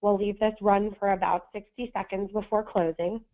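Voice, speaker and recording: Hoarse raspy lady doing a webinar intro, gravelly smoker sound, phone line audio. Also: medium pitch, steady tone, normal speed, a little hiss or hum. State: hoarse, sandpaper-rough voice. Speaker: webinar host. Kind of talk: scripted webinar presentation. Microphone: phone or webinar audio connection.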